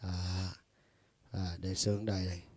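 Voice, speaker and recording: A music store product demonstrator with a Vietnamese accent casually shows off a keyboard's vocal effects, speaking loosely and conversationally with lots of filler words. His voice is low, husky and darkish, with a flat, unhurried delivery. The recording is dry.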